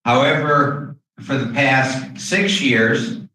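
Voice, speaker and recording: A man speaking through a face mask, explaining things haltingly as an official at a public meeting, with pauses and throat clearing. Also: mid-range voice, pushed and bright. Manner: hesitant, with long pauses and frequent throat clearing. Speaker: school district official presenting to a board. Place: indoor meeting room. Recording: very echoey room, distant mic, faint noise.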